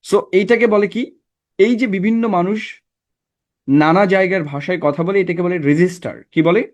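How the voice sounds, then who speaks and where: Man, teacher, classroom lecture, fairly high voice, checks in with students. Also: brisk. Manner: conversational, asks the class checking questions.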